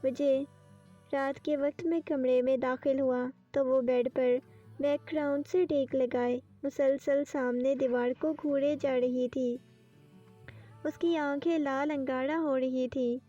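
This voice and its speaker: A woman narrating a romantic novel audiobook in a steady storytelling manner. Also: sits high. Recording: distant dull lo-fi with faint music.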